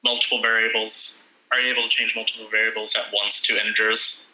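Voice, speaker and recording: A man's voice: on the low side, little pitch movement, fast talker, sharp tone, roomy sound, poor audio. Man on a choppy call, volume cutting in and out. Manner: hesitant, filler-laden questioning. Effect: call audio cutting in and out, uneven volume. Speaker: student asking a question. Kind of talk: online class question. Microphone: video call.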